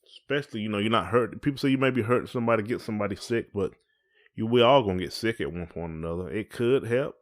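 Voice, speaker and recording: Chatting casually at a quick pace, another male podcast co-host uses a lowish voice and a folksy, colloquial style of speech.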